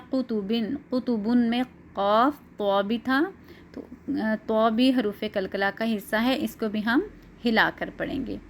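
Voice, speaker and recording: A woman teaching Quran tajweed, slowly spelling out letter sounds and then repeating them clearly. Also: fairly high pitch, a little hiss or hum. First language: Urdu. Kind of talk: tajweed lesson, reciting letter drills.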